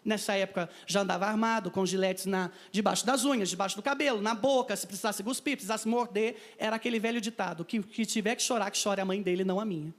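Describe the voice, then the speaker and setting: Speaking quickly with few pauses, a man with a Brazilian Portuguese accent shares his testimony as a missionary. He has a high voice and brings the story to life by acting out the dialogue.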